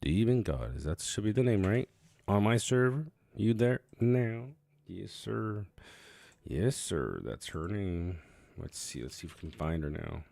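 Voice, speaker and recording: Male stream host, gravelly and low, dry close sound, chatty and loose. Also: expressive, unhurried, a little mellow, no room sound. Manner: chatty, talks to himself while setting up. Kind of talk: casual livestream chat.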